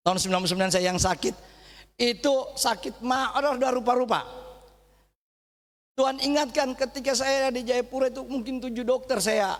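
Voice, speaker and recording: A middle-aged man preaching a sermon, telling a personal testimony in an animated way, swinging from loud to hushed. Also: high voice. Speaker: pastor. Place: church hall. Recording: church hall reverb.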